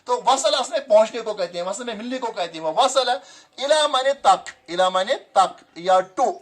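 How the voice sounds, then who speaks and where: A male teacher giving a classroom grammar lesson, slowly repeating phrases and quizzing his students. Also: sits high, animated, fairly bright tone. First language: Kashmiri.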